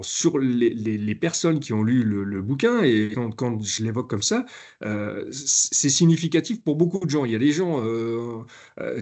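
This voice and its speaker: A man giving a conversational conference lecture as a professor, halting often and restarting his sentences. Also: mid-range voice, darkish tone. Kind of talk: live lecture.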